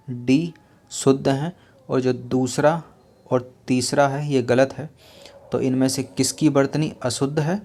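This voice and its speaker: Man, exam-prep teacher, level even delivery, patient explaining, repeats answers, rhetorical questions. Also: medium pitch. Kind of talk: exam-prep lesson going through spelling questions.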